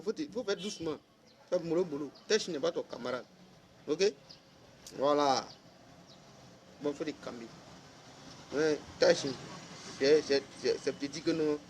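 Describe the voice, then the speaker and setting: There's a little hiss or hum as a man with a mid-range, slightly mellow voice scolds someone directly in a casual spoken rant. He addresses the listener head-on and repeats himself for emphasis.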